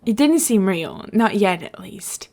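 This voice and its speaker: A woman narrates podfic in a relaxed storytelling manner, mixing story reading with casual commentary. Her medium-pitched voice is animated and darkish in tone, and she speaks a little slowly.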